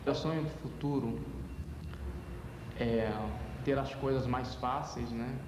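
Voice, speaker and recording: A man from Minas Gerais, speaking haltingly in a documentary interview. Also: medium pitch, fairly even intonation, background noise. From Minas Gerais, Brazil. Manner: halting, searching for words. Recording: echoey hall with music underneath.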